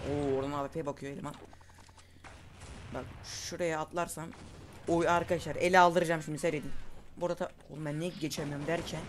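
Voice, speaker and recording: A young man giving casual, excitable commentary over his own gameplay, calling out moves to his viewers. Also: on the high side. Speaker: gaming YouTuber. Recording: faint game noise and gunfire behind.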